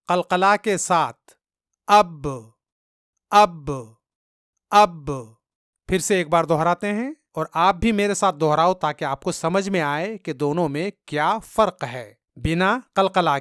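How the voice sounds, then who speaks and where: A man's voice: fairly high pitch, a bit bright, smooth, dry recording, studio quality. A male Quran reading teacher giving a patient, step-by-step lesson and repeating sounds for learners to copy.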